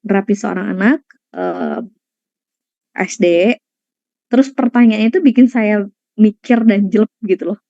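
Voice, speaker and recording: A woman's voice: mid-range voice, big pitch swings, unhurried, long pauses, mellow, no echo. A woman counselor giving an online parenting lecture over a video call, speaking conversationally to her listeners and slipping in English words. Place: indoors at home during a power cut. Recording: dull, lo-fi video-call audio.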